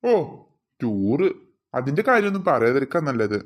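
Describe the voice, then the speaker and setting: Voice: mid-range voice, very animated, normal speed, close to an everyday voice. A performer voicing a weary cartoon father, grumbling about a spoiled trip. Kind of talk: cartoon voice acting.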